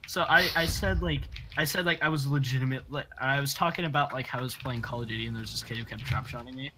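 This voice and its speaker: A man's voice: medium pitch, fast, noisy background. Rambling young man chatting while gaming. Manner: rambling with many fillers. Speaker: gamer. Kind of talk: casual gaming chat.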